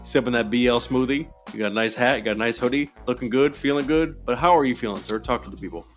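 A man's voice: mid-range voice, quick pace, faint music behind. A man hosting a podcast with casual, playful banter and a hype-man delivery full of exclamations. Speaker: podcast host.

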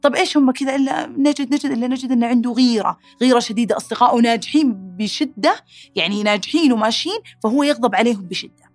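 Lady explaining psych stuff on her podcast, rattles along super fast, dry sound. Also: fairly high pitch, no room sound, soft background music. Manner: fast, animated, acts out angry quotes. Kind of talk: casual explanatory talk.

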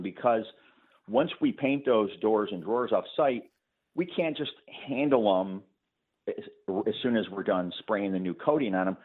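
A lower-voiced man talks through a tinny, phone-like line on a radio call-in show. He explains his painting work patiently, with lots of fillers, and laughs easily. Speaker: painting contractor guest. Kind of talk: phone-in interview.

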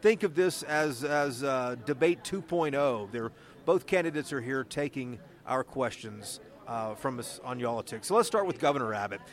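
A man's voice: mid-range voice, animated, moderate pace. A man with an American accent, a podcast host and political reporter who speaks conversationally as he narrates and interviews.

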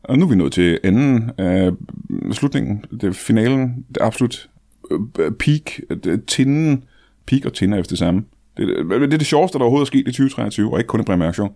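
A man hosting a comedy podcast, talking excitedly with many fillers. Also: mid-range voice. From Denmark. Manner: fast, excited, full of fillers. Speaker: podcast host. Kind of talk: comedy podcast host, casual chat.

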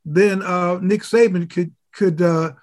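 A man's voice: sits high, fairly even intonation, slow, a little mellow. A man co-hosting a casual sports chat, joking and loose, with some profanity. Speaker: sports talk co-host.

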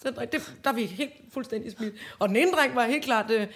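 A woman co-hosting a casual chat podcast, an animated storyteller who acts out voices, laughs often and hesitates a lot. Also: a little high, slightly rough. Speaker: podcast co-host.

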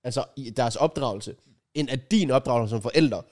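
A man's voice: medium pitch, a little mellow. A young adult man with a Danish accent, chatting casually and anecdotally with slang and some swearing. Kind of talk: casual chat.

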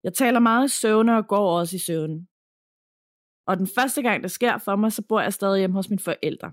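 A woman reads a listener's letter aloud for a podcast in a calm, even storytelling voice. Her pitch sits in the middle for a woman. The recording is close and dry. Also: no room sound.

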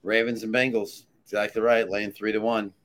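A man working as a sports handicapper, with a very deep, low voice. He gives his betting picks with confident, emphatic calls. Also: little pitch movement, normal speed, fairly bright tone.

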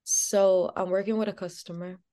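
A woman's voice: mid-range voice, fairly even intonation, moderate pace, mellow. A woman as an interview guest, telling a personal story in a casual, chatty way with many "like" fillers.

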